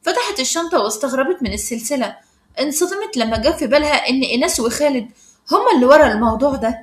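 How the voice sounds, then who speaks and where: A woman with an Egyptian accent narrating a storybook tale in a brisk, dramatic way. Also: high-pitched, lively intonation, reverberant. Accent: Egyptian Arabic.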